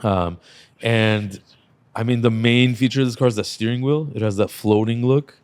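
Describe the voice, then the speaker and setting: A man hosting a car podcast in casual chat, relaxed and swearing freely, laughing often. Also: medium pitch, moderate pace, clear, resonant tone, no room sound. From Lebanese Armenian family. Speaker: podcast host.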